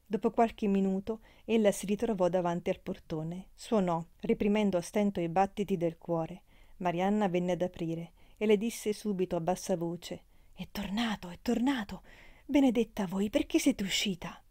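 A woman narrating an old novel as an audiobook in a measured, expressive reading. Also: lowish voice, dry recording, studio quality. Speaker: audiobook reader.

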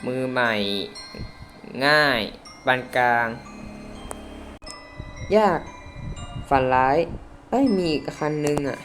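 Excitable male game commentator. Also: mid-range voice, slow pace, pauses often, a little hiss or hum. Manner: chatty, talks to viewers, startled exclamations. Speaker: gaming channel host. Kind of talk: let's play commentary.

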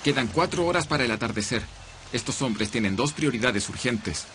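A man reading a documentary's dubbed narration in a measured, serious way. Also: mid-range voice, animated, background noise. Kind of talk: scripted narration, dubbed voice-over. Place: studio voice-over.

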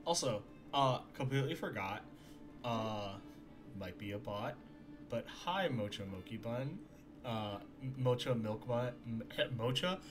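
An excitable game streamer who curses and mocks themself, with a mid-range pitch. Game music plays underneath. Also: unhurried. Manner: excitable, swears, laughs easily, self-mocking. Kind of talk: casual game stream chat.

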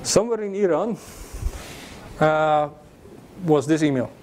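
In a classroom with a projector screen, a young man lectures informally on security from slides, joking and restarting with plenty of fillers. His voice is fairly high and darkish, his pace measured. The far camera recording carries a little hiss or hum.

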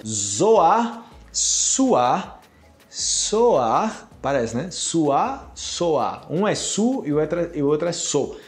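Brazilian man teaching pronunciation, fairly high voice. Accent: Brazilian Portuguese. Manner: slow, drawn-out model words for pronunciation drills; frequent checking tags like "ok?" and "né?". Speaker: Portuguese teacher. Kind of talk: casual online language lesson.

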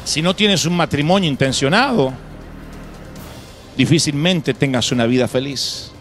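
A man with a high-pitched voice preaches a live sermon to his congregation. He speaks emphatically and breaks the tension with humorous asides and acted quotes. A faint bed of music plays underneath. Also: a little slow, fairly bright tone. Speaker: pastor. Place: church before a congregation.

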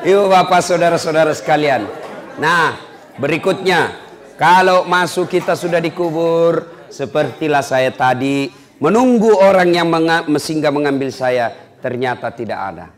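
A man's voice: fairly high pitch, moderate pace. A male preacher, giving a humorous storytelling sermon and playfully acting out the voices of characters.

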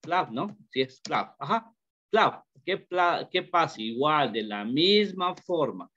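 Hombre profesor de inglés, habla lento. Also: male voice, on the high side, sing-song, sharp tone. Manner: slow, repeats questions to students, mixes English into Spanish. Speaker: English teacher. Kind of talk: online class lesson. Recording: dull lo-fi call audio.

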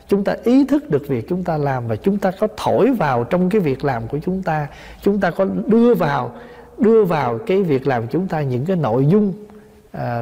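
A man's voice: a little high, mellow, husky. A man, a Buddhist monk, giving a dharma talk, explaining patiently and asking listeners rhetorical questions. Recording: long hall reverb.

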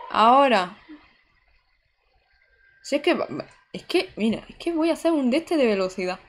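A woman's voice: on the high side, sing-song, normal speed. A young woman, chatting to her viewers while playing a game live. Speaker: streamer. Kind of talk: live gameplay commentary.

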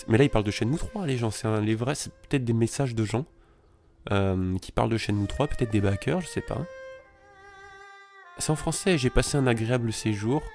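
A man hosting a calm let's play, reading in-game messages aloud and musing on them in a chatty way. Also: lowish voice. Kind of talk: calm gameplay commentary.

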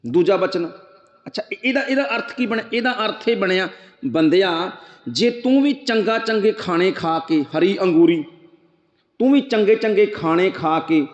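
High-voiced man preaching in an echoey hall. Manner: asks rhetorical questions, recites verse lines slowly; addresses listeners directly. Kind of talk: sermon exposition of scripture. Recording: echoey hall, dull lo-fi sound.

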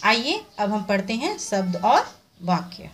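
A woman's voice: medium pitch, big pitch swings, a little slow, a bit bright, faint music behind. A woman teacher giving a recorded revision lesson, explaining step by step and answering her own questions. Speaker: Hindi teacher.

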